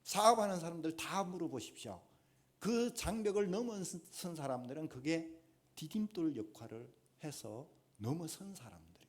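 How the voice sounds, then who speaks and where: Man, Gyeongsang accent, pastor preaching, high voice, lively swooping pitch, emphatic. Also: normal speed. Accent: Gyeongsang Korean. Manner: emphatic, rising to forceful exhortation. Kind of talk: sermon. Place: church sanctuary.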